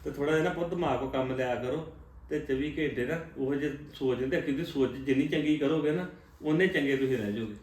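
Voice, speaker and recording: Punjabi guy in a family drama, talks fast, keeps asking "right?", roomy echo. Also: medium pitch, darkish tone. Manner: quick, coaxing, keeps checking agreement. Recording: echoey room, mic at a distance.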